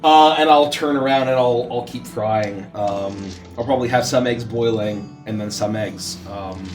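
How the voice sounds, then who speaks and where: A man's voice: mid-range voice, normal speed, recorded from a distance, over music. A man improvising his character's actions as a player in a tabletop role-playing game.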